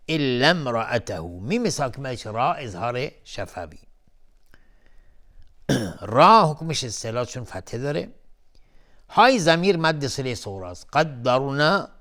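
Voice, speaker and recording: A man hosting a televised Quran recitation lesson, chanting each verse slowly and melodically, then calmly explaining the recitation rules word by word. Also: mid-range voice. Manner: calm, methodical, repeats each word while explaining. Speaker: Quran recitation teacher and host.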